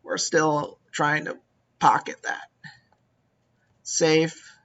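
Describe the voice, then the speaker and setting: Slow-talking man musing over a game. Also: on the high side, flat delivery, vocal fry, fairly bright tone, lo-fi sound. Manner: slow, musing, talks to his units. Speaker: gameplay commentator. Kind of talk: casual strategy game commentary.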